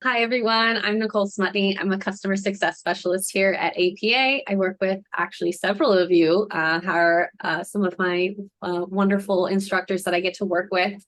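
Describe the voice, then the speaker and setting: A woman introducing herself on a video call, warm, with many fillers. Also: mid-range voice, steady tone, a little fast, hardly any pauses, no room sound. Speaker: customer success specialist. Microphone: video call mic.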